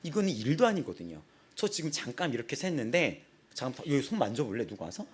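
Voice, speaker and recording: A young man in his twenties preaching a casual sermon in a small church, telling personal stories with lively acted-out quotes and frequent laughter. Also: mid-range voice, fast talker, slightly rough. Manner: animated storytelling, acts out quotes, laughs often. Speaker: pastor.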